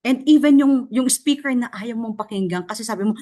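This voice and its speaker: A woman gives a casual motivational talk to an online audience, speaking off camera. She is a chatty, encouraging mentor who speaks directly to her listeners. Her speech is halting, full of fillers and restarts. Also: fairly high pitch, mellow. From Philippines. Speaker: mentor sharing her success story. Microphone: off camera, online session mic.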